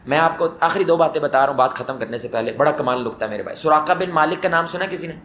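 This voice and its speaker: A man delivers a mosque sermon in a fairly high voice. He tells stories and questions his listeners, rising to emphatic peaks. The sound is echoey, with faint noise behind him. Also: a bit bright. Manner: storytelling, asks the audience questions, rises to emphatic peaks. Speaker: preacher. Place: mosque hall.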